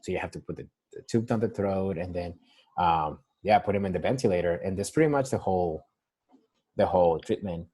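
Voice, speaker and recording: A man's voice: low-pitched, a little fast, mellow, slightly rough. A young man from Mexico with a Mexican Spanish accent, working as a nurse and talking casually on a phone call in a rambling way, full of restarts. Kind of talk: casual interview over a call. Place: San Diego.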